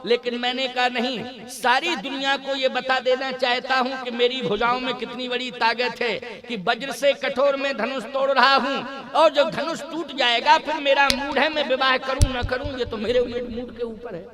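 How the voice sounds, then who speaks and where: A man's voice: very high-pitched, flat delivery, normal speed, hardly any pauses, crowd noise. A man voicing a boastful, foolish older king in a sermon story. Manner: bragging, self-important.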